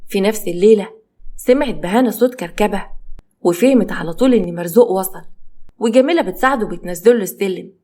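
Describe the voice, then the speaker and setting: Fast-talking Egyptian woman storyteller. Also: mid-range voice, warm tone. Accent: Egyptian Arabic. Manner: brisk, storytelling. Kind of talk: dramatic story narration.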